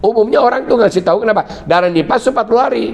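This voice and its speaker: A middle-aged Islamic preacher with a Betawi Jakarta accent gives a religious lecture, blending teaching with comic stories and acting out family scenes in shifting voices. His voice is high, creaky and rapid-fire.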